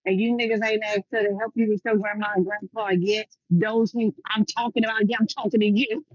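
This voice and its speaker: A woman gives friendly shout-outs in a casual live voice chat. Her mic sounds dry and muffled, with little room around it. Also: mid-range voice, little pitch movement, a little fast, slightly rough, no room sound. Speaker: chat participant.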